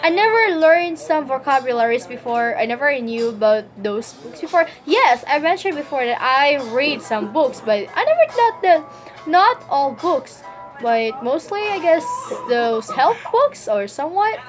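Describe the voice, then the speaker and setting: Girl vlogger with a stuffy nose, kinda high voice, rambles and restarts a lot, giggly. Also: very animated, measured pace, faint music behind. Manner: rambling, self-correcting, giggly. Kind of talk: casual Q&A vlog.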